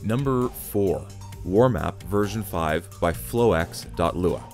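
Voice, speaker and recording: A man with a somewhat low voice hosts a gaming countdown. He reads from a script, but his delivery stays casual and wry, with offhand swearing and little asides between entries. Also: expressive, takes it slowly, a little mellow, soft background music. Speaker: gaming video host. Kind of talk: scripted top ten commentary.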